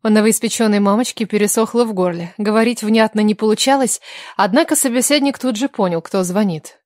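Reading scripted narration for a romance audiobook, a medium-pitched woman keeps her storytelling measured and even. The audio is studio quality, with no room sound.

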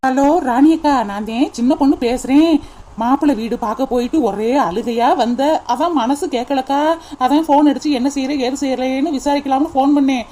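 A blunt older village woman in a cartoon, voiced by a woman. She talks high and mellow, scolding a younger girl with clipped warnings. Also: brisk, lightly acted.

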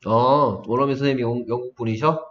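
A man tutoring English pronunciation one-on-one, saying sounds slowly and then faster, and asking the student to repeat them. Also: mid-range voice, steady tone, a bit bright. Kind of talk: one-on-one phonics lesson. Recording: dull, lo-fi sound.

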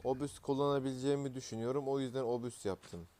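A man's voice: mid-range voice, fairly even intonation, fast talker, noisy background. A man hosting casual gameplay commentary, talking in an exasperated, grumbling and slangy way while he plays. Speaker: gaming channel host.

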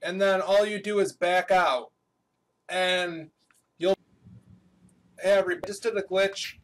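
A young man hosting his own gaming channel, chatting casually and swearing as he plays, with excited outbursts, recorded through a webcam microphone. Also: sits high, a little slow. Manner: loose and profane, with excited outbursts. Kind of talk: casual gameplay commentary.

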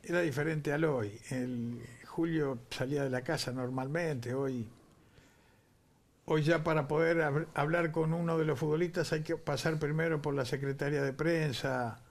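An older man with a Uruguayan accent hosting a TV sports talk show, chatty and reminiscing, speaking into a headset mic in a studio. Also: fairly high pitch. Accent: Uruguayan Spanish. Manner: chatty, reminiscing, lots of fillers. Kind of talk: casual studio interview. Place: TV studio set.

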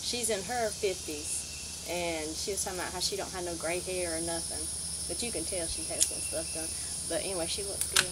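A woman's voice: fairly low pitch, fairly even intonation, fairly quick, heavy background noise. A woman, co-hosting a casual outdoor chat, giggly and agreeable. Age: 40s. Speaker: co-host. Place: outdoors in a wooded yard.

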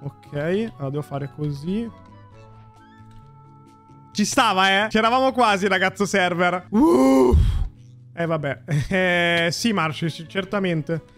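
A man doing casual gameplay commentary for viewers, excitable and often shouting when a shot works. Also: sits high, measured pace, faint music behind. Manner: excitable, shouts and cheers at successes; addresses viewers as raga and ragazzi. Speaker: gaming YouTuber.

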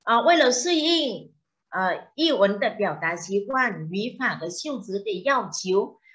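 A woman lectures a translation class in an animated, slightly bright mid-range voice at a moderate pace. She asks students questions and explains terms with foreign words sprinkled in, and the recording sounds dull and lo-fi.

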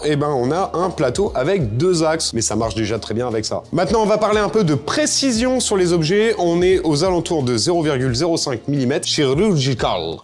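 Joking young man reviewing gadgets. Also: on the high side. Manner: joking, animated, slangy asides. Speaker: tech reviewer. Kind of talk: casual product review vlog.

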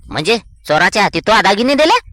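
A man's voice: high voice, very animated, fast talker, sharp tone, full character voice. A man voicing a scolding village husband. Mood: exasperated. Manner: exasperated, scolding.

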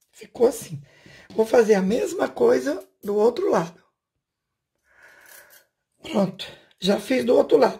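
A slightly high, mellow female voice belongs to a craft channel host in an indoor home room. She chattily explains a home craft step by step as she works with her hands, asking the viewer questions in a casual hands-on tutorial.

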